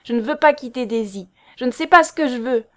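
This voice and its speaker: A woman's voice: mid-range voice, a little slow, darkish tone. A woman voicing a naive young woman who speaks hesitantly and pleads through sobs in a storybook reading. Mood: sobbing.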